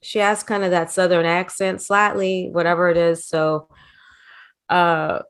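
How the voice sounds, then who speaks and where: Brief: woman, middle-aged, low-pitched, animated storyteller, interview guest. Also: a little slow, clean tone. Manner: chatty, animated anecdotes with quoted voices. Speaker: interview guest, former wrestling manager.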